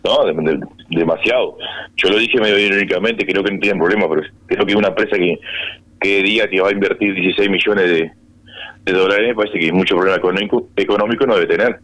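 A man answering questions in a radio interview, halting and repeating words as he talks. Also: low voice, a bit bright, rough recording.

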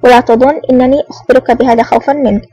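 A woman's voice: high voice, steady tone, racing, mellow, husky. A woman reading a scheming male secret agent who feigns anger in an audiobook. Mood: mock-angry. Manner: curt, mock-angry. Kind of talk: audiobook narration.

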